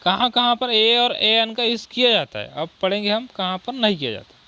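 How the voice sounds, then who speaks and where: This male coaching teacher has a high, clean, pushed and bright voice with lively intonation. His Hindi grammar lesson on English articles uses drills full of repeated rhetorical questions and "ठीक है," with English example sentences read slowly.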